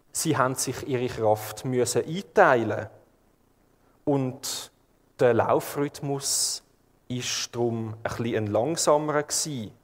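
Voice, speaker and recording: A man with a Swiss German accent preaching a sermon to his congregation, calm and measured, painting scenes vividly as he speaks. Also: medium pitch, in a large hall.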